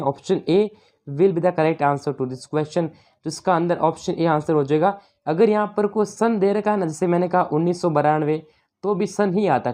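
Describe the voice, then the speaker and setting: Woman, teacher, Rajasthani Hindi accent, low voice, exam paper walkthrough. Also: warm tone. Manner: explanatory, repeats "dosto", slow English readings.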